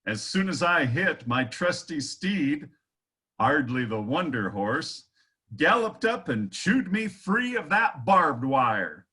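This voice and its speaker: An actor playing a bold, boastful cowboy hero, declaiming in a stage melodrama. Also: male voice, on the high side, sing-song, slow, bright, forceful tone, husky, full character voice. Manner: heroic, declamatory. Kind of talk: hammy stage melodrama acting.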